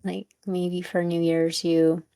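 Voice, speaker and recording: Woman, casual self-help coach, tentative informal phrasing, gravelly fry, very dry sound. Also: on the low side, little pitch movement, slow, mellow, no room sound. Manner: tentative, informal, searching for words. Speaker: wellness coach and host.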